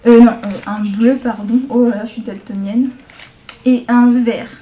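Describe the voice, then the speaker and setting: A woman showing off a shopping haul to her viewers in a casual show-and-tell, hesitant, with many fillers and self-corrections, slipping into soft asides. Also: on the high side, steady tone, a little hiss or hum. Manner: slow, chatty, drops into soft asides. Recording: dull lo-fi home video sound.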